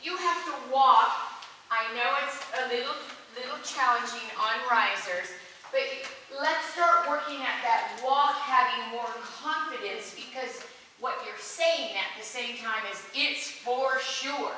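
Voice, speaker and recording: A woman's voice: fairly high pitch, measured pace, sharp tone. Echoey, far-off woman coaching a choir. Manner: encouraging, repeats herself, stumbles over words. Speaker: choir director. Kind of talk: coaching a women's chorus rehearsal. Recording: echoey hall, voice from far off, noisy.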